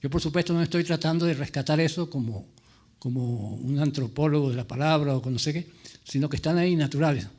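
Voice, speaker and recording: Novelist guy rambling about memories, soft mellow tone, bit high, keeps repeating words. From rural mountain highlands of Latin America. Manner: halting, repeats words, digressive. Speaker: novelist on a panel. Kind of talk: rambling personal reminiscence.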